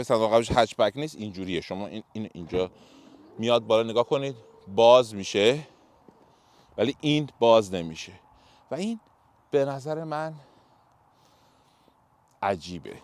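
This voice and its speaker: A man's voice: medium pitch, no room sound. A man walking around a car and reviewing it in a casual, opinionated way as he points out details. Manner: chatty, opinionated, pointing things out.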